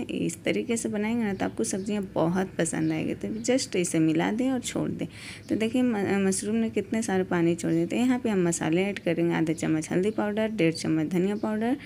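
A woman's voice: on the low side, creaky, mellow, slight background noise. A woman walking through a home recipe step by step in a homely instructional voice-over. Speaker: home cooking channel host.

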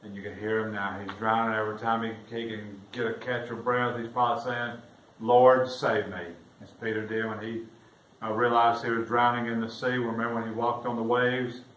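A man's voice: level tone, a little fast, recorded from a distance. Man preaching in an echoey church. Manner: swells louder and higher when reading scripture aloud. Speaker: pastor. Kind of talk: sermon. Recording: roomy echo, voice off-mic, faint room noise.

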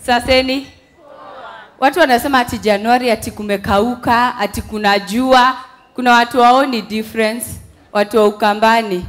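A woman's voice: a little high, steady tone, a little fast, faint music behind. A young Kenyan woman doing stand-up on an indoor stage through a headset mic, chatty and mimicking voices. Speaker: stand-up comedian. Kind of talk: stand-up comedy in mixed Swahili and English.

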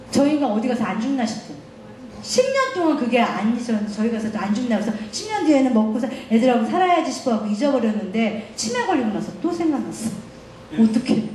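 A woman's voice: fairly high pitch, a little hiss or hum. A middle-aged woman giving a guest lecture, telling family stories with lots of laughter. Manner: animated storytelling, laughing often. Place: lecture hall. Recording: echoey lecture room.

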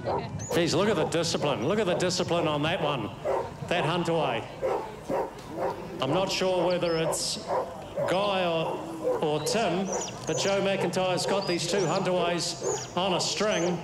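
A male event commentator with a New Zealand accent calls the action with keen exclamations. His voice sits high for a man and echoes around an outdoor arena, with clear noise and dogs barking behind it. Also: measured pace, pauses often. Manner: enthusiastic, exclamatory. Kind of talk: live sports commentary. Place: outdoor arena in a city square.

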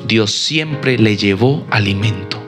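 A man's voice: fairly low pitch, takes it slowly, over music. A man preaching a sermon in an emphatic style, acting out the people he quotes.

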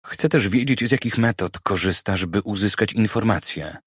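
A man's voice: fairly low pitch, normal speed, slightly rough, no echo, studio quality. A man reading a blunt, demanding businessman. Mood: insistent. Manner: blunt, probing questions. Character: demanding wealthy middle-aged businessman.

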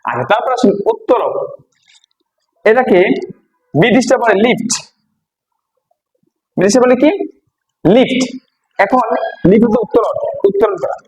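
High-voiced man drilling vocabulary. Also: wildly swooping pitch, a little slow, pauses often, darkish tone, muffled recording, a little hiss or hum. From Bangladesh. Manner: repeats each word and quizzes listeners with questions. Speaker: English teacher. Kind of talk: classroom-style vocabulary lesson.

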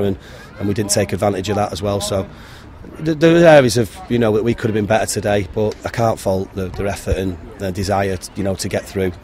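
Man in his thirties, football manager, low even delivery, frank post-match talk into a handheld mic outdoors. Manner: frank, plain-spoken, many ums and restarts. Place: outdoors beside a football pitch. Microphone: handheld interviewer mic held to him.

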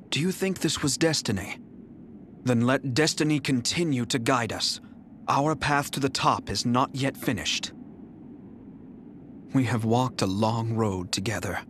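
A calm, haughty young general speaks through these studio-recorded game clips, voiced by an actor in a natural, mid-range tone. His delivery is measured and arrogant, and the otherwise clean audio has slight background noise.

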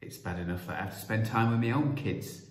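A man playing a rude, pompous male prime minister who shouts and brushes people off, in a read-aloud children's story. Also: brisk, close to an everyday voice. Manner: shouty, dismissive, booming. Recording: roomy echo.

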